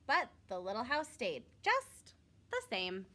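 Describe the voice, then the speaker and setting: Reading a picture book to young children in a teacher's style, this woman uses a lively, widely varying pitch. Her delivery is expressive, broken up by short, simple asides for the kids.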